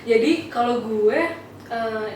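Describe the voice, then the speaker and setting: A woman in her twenties co-hosting a casual podcast, easygoing and quick to agree. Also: a little high, flat delivery, a little mellow. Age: 20s. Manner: easygoing, agrees a lot with short replies. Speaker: podcast co-host. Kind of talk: casual chat. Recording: echoey room, far from mic, faint noise.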